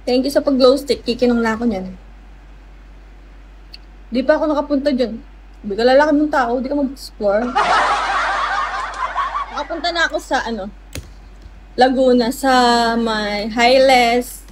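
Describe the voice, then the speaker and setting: A woman's voice: sits high, moderate pace, pauses often. A woman hosting a casual livestream, with a playful, teasing manner, greeting viewers by name and chatting with them. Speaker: livestream host. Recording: steady background noise.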